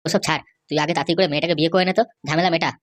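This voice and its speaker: A woman's voice: deep voice, steady tone, very fast, no room sound, lightly acted. A woman voicing a nosy young cartoon man who questions and advises his friend. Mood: prying. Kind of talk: cartoon voice acting.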